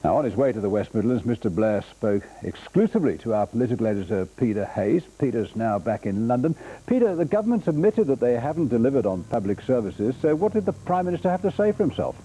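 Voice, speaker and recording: A man's voice: medium pitch, sing-song, fast, hardly any pauses, warm tone, husky, poor audio. A man anchoring local news in a folksy, chatty manner, slipping between scripted links and casual banter.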